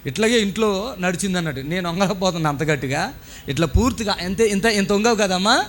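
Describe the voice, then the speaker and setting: A man's voice: high-pitched, expressive, quick pace, a little hiss or hum. A man preaching as pastor at a healing service, fervent and exhorting, questioning people on stage.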